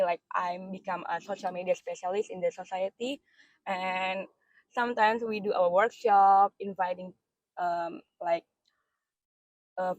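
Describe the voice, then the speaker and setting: A woman's voice: fairly low pitch, dry recording, poor audio. A woman in her twenties with an Indonesian accent, a master's student answering interview questions chattily with many likes. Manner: chatty, frequent likes, non-native grammar.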